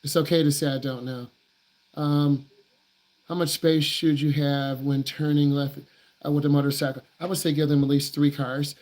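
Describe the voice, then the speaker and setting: This driving instructor's voice is a little high, with a level, darkish tone and normal speed. He answers viewers' questions on a live stream bluntly and emphatically, saying things more than once to drive them home.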